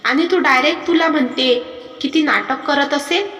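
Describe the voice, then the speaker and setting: A woman's voice: high-pitched, a little slow. A woman voicing a young male farmer, a patient husband who turns firm and scolding. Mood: stern. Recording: echoey hall with music behind.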